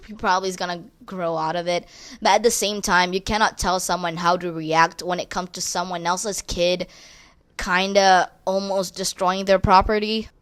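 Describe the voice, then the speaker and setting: A woman's voice: fairly low pitch, flat delivery, normal speed, a bit bright, clear, resonant tone, no echo. A woman reading online advice posts aloud and giving blunt opinions, swearing casually. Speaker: reddit story commentator.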